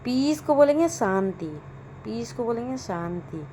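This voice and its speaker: A woman teaching English vocabulary, saying each word and its meaning twice in a slow, deliberate drill. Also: on the high side, lively intonation, mellow, a little hiss or hum.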